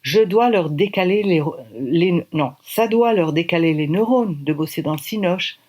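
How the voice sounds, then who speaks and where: A woman author reading her own novel aloud, with lively, expressive first-person narration. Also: on the low side, moderate pace. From France.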